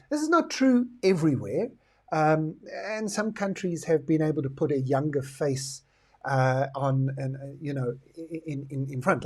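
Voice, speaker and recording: A middle-aged South African man hosts a talk to camera on current affairs and the future, setting out his views reflectively. His mid-range voice is slightly mellow and husky.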